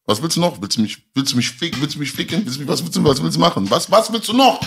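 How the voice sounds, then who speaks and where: A man's voice: on the high side, expressive, rapid-fire, gravelly, a little hiss or hum. A man talking as a podcast guest, heated and repeating himself, often calling the others brother. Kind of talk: casual podcast chat.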